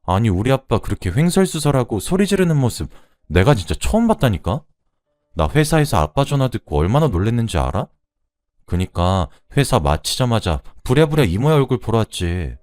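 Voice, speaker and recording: A man's voice: medium pitch, very animated, brisk, a little mellow, dry recording, clean studio sound, voice pushed up, lightly acted. A man voicing a cheerful young woman, a niece, who chatters playfully and pleads with her aunt. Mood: playful, pleading.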